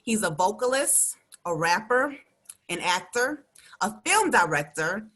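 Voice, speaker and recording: A woman's voice: mid-range voice, big pitch swings, unhurried, fairly bright tone, husky. A woman hosting a radio interview, chatty and slangy, with frequent laughs between her lines. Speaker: radio show host.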